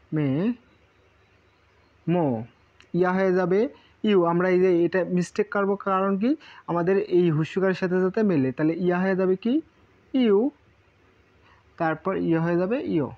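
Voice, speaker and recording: A man's voice: sits high, muffled recording. A man teaching a casual Japanese lesson, repeating syllables in lists and asking rhetorical questions. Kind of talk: casual spoken lesson at a whiteboard.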